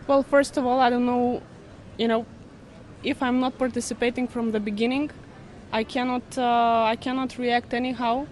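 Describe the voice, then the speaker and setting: A woman with a slightly high voice gives her opinion to a street interviewer, halting and earnest, leaning on fillers. Faint street noise sits under her voice. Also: flat delivery. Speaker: passer-by interviewee.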